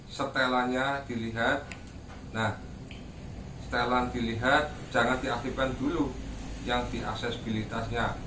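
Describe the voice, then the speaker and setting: Male tutorial presenter, polite and instructional, unhurried delivery, echoey room with faint background noise. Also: mid-range voice, fairly bright tone. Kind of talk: explanatory tutorial talk, addressing viewers. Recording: roomy echo, distant mic, faint noise.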